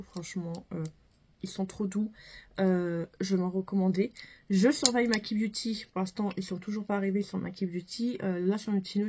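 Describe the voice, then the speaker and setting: A woman's voice: mid-range voice, background noise. A young woman chatting casually through a makeup haul, chatty and full of fillers. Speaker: beauty vlogger.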